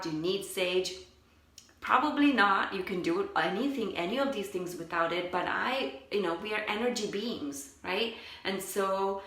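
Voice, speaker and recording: Her lowish, slightly bright voice comes through an echoey room as she chats on a livestream. She's a spiritual coach replying to viewers, relaxed and reflective, with "like" scattered through her speech.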